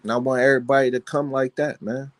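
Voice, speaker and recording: He talks fast in a mid-range voice with little pitch movement, hosting a live panel show in the role of a dog breeder. It's a casual, fervent sermon of a monologue, heavy on rhetorical questions and repetition.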